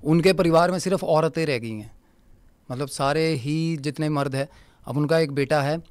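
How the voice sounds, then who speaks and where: A man's voice: fairly high pitch, moderate pace, smooth, no room sound. Man vividly retelling a ghost encounter. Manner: vivid storyteller who repeats phrases for emphasis; mixes English words into his speech. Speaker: guest paranormal researcher. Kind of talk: recounting a ghost encounter in a podcast interview.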